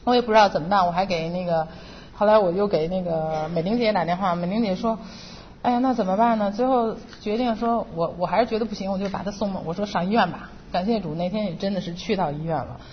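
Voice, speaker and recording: Speaking quickly in a medium-pitched voice, a middle-aged woman offers an emotional church testimony. She re-enacts her prayers in an earnest way. The sound is muffled and reverberant, as in a hall, with faint background noise.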